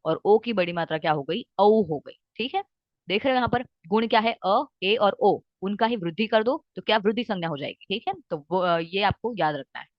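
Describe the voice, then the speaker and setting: A woman's voice: medium pitch, lively intonation, moderate pace, no echo, highs cut off. A woman teaching Sanskrit grammar for exams, mixing English words into her talk, often checking that students follow and drawing out vowels to show how they sound. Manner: checks often with "ठीक है" and "आ गई बात समझ में?"; mixes English words into Hindi. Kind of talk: exam-focused lecture.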